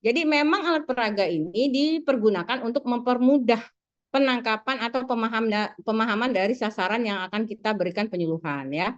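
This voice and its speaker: A woman's voice: on the high side, a little fast. A woman giving a classroom lecture to students, with rising and falling intonation, speaking to them directly. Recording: dull lo-fi.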